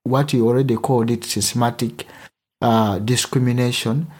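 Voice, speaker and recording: A man's voice: medium pitch, fairly even intonation, normal speed, darkish tone. A man from Uganda whose first language is Luganda, speaking earnestly in a discussion and often restarting to find his words. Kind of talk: conversational discussion.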